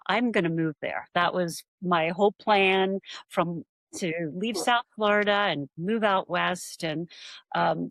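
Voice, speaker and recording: Middle-aged woman artist from Pennsylvania, rambling storyteller, lowish voice, dry sound. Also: fairly bright tone, no room sound, rough recording. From rural Pennsylvania, USA. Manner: rambling, many fillers, quick bursts. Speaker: artist, podcast guest. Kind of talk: relaxed interview storytelling.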